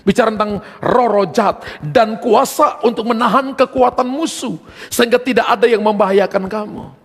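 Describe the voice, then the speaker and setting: A man's voice: sits high, normal speed, breathy edge. A man preaching a sermon as pastor, telling a personal testimony emphatically and addressing the congregation directly. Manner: emphatic storytelling, addressing listeners as brothers. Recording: long hall reverb.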